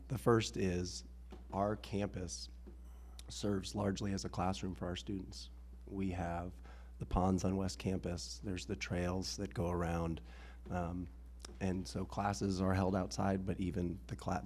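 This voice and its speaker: At a town board public hearing, an assistant head of school testifies into the meeting microphone, explaining his case earnestly and steadily with an occasional um. His voice is rough and low-pitched.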